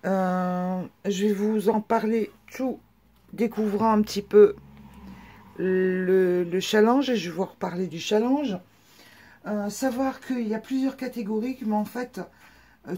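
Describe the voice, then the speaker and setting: A woman's voice: medium pitch, a little slow, dark tone. A woman vlogger presenting her books in a chatty, hesitant way, full of fillers and restarts. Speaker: craft vlogger. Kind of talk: casual show-and-tell video.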